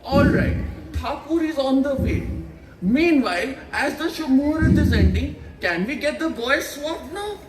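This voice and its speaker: Someone acting a high, animated ghost king, echoey stage. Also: measured pace, a crowd in the background. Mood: bargaining. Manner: theatrical, explaining in mock-official office jargon. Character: chatty, flustered outgoing king of ghosts. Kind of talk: amateur stage comedy skit. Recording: echoey stage recording with clear background noise.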